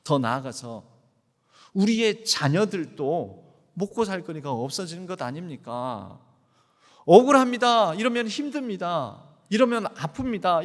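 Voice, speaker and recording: Wronged sisters pour out their complaint, voiced by a male pastor, loud, pitched up and insistent. Each plea climbs higher. A long church reverb trails every word. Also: heavily acted. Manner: loud, rising, pleading. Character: five grieving daughters pleading their case.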